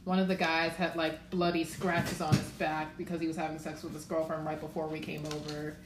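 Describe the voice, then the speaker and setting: A woman's voice: low-pitched, level tone, brisk. A woman from Maryland, a podcast guest, telling stories in a laid-back way full of filler words. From Maryland, USA. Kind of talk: casual podcast chat. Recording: roomy echo, faint background noise.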